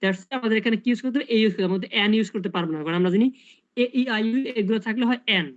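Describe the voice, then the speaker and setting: Fast-talking man tutoring English grammar. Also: sits high, highs cut off. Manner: explains step by step, asks rhetorical questions. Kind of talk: casual online tutoring.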